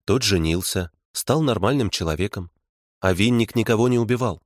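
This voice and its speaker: A man voicing a calm woman investigator who lays out facts softly and pointedly. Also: on the low side, moderate pace, no echo, clean studio sound, natural voice.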